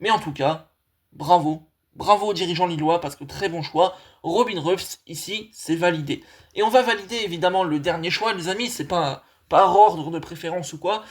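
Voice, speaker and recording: A young man with a fairly high voice hosts his own football channel. He talks in a casual, enthusiastic way and keeps addressing his viewers as friends. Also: normal speed. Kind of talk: casual analysis monologue.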